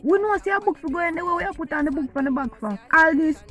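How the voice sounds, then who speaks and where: Jamaican woman vlogger, high and bright, teasing casual delivery. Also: quick pace, poor audio. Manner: playful, teasing, eating while talking. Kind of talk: casual chat to camera.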